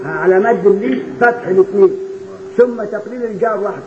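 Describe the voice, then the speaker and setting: A man with an Egyptian Arabic accent teaches Quran recitation rules, drilling students with questions and chanting verses slowly between quick explanations. His voice sits high and the sound is roomy. The recording is tinny and phone-like, with noise.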